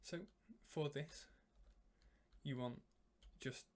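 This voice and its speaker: A man with a strained, worn-out voice explaining a game build step by step, in halting phrases with pauses. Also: mid-range voice, steady tone, a little mellow, slight background noise. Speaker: tutorial maker.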